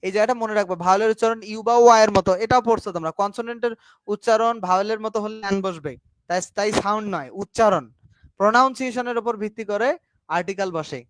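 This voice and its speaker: A high-voiced man with a Bangladeshi Bengali accent lectures on English grammar in an online class. He explains slowly, sprinkles English terms through his talk and keeps asking if the students understand. The sound is dry and close, with no room echo. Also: smooth. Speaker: English teacher.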